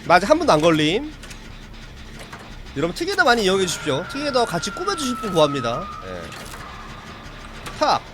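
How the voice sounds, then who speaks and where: A man's voice: high-pitched, huge pitch swings, brisk, pauses often, noisy background. A man chatting casually with his viewers while streaming a horror game, reacting to the play and answering chat.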